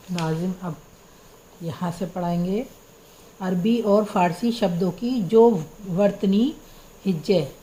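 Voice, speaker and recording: A woman's voice: medium pitch, warm tone, a little hiss or hum, rough recording. A woman teaching Urdu script, patiently spelling out words letter by letter. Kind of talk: slow spelling-out lesson.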